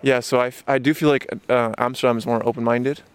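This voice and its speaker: Fast, clear and resonant, his medium-pitched voice stays fairly even as he talks. He's in his twenties, born in Japan and raised in Luxembourg and Barcelona, having a casual conversation as an interview guest in a park, with many fillers and restarts.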